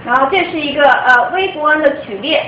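A woman's voice: sits high, fairly quick. A young woman from China explaining music theory to a small group in an informal lecture, patient and restarting her sentences often. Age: young adult. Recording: echoey room, dull lo-fi sound, faint noise.

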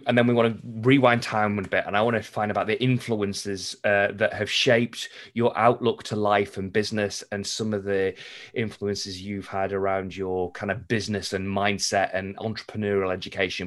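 A man's voice: lowish voice, fairly even intonation, brisk. A man hosting a podcast, speaking emphatically and building his points with repetition as he introduces and questions. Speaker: podcast host.

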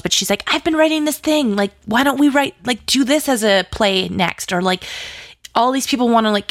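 In a casual interview chat, a woman who writes and produces audio dramas discusses her creative work, effusive and informal, her thoughts spilling out in tumbling asides. She has a mid-range voice that is a bit bright.

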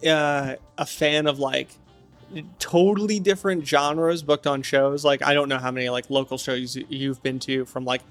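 A man's voice: medium pitch, steady tone, moderate pace, faint music behind. A male singer chatting as a guest in an apartment interview, rambling and enthusiastic with plenty of fillers. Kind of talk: casual interview chat.

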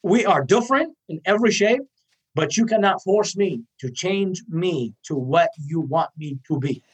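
A man's voice: high voice, moderate pace, husky. Emphatic man from Iraq. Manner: earnest, emphatic, repeats points in lists. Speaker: guest. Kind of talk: impassioned interview answers.

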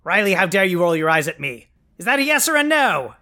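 Peevish this time, the performer's theatrical supervillain host rattles along fairly quickly in a very animated, mid-range voice that is bright and cutting. He rains bombastic proclamations and sneering insults on his listeners in this comic scripted podcast, his temper flaring easily.

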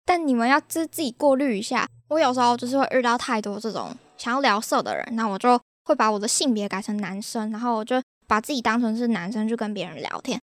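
Taiwanese-accented young woman host, high bouncy voice, dry close sound, chatty and exasperated storyteller. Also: animated, fast, few pauses, no room sound. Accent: Taiwanese Mandarin. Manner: chatty, exasperated, laughs at her own stories. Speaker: podcast host. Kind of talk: casual podcast storytelling.

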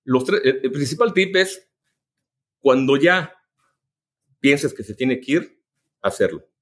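A man with a Mexican Spanish accent talks like an executive telling stories in an interview. He circles back, restarts sentences and adds asides as he goes, in a relaxed conversational way. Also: medium pitch, takes it slowly. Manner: anecdotal, many restarts and asides. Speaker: business executive guest. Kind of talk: casual storytelling interview.

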